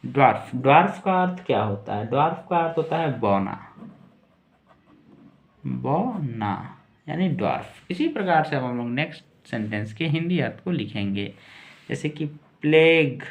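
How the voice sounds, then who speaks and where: A man gives a slow, patient language lesson. His pitch rises and falls a lot as he spells each word letter by letter. He repeats every word several times. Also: sing-song. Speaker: English teacher.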